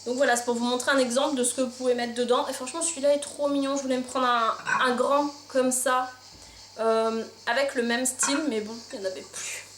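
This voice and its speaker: In a haul vlog, a woman chats casually and gushes over her purchases, filling her talk with fillers. Her high voice is steady and a little fast. She records at home in a roomy space with windows open, and faint insects are audible outside.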